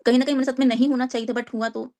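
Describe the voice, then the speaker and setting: Fast, rambling woman guest. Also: sits high, fairly even intonation, warm tone. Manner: rambling, repeats herself, defensive. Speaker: guest on a live panel. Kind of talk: live-stream conversation.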